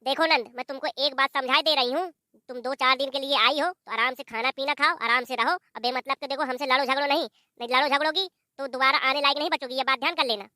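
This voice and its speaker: A woman's voice: sits high, fairly even intonation, quick pace, bright, forceful tone, dry recording, studio quality. A woman voicing a sassy, defiant young daughter-in-law in a village cartoon, speaking with a Bundelkhandi Hindi accent. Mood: threatening. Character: sharp-tongued young daughter-in-law, phone-obsessed.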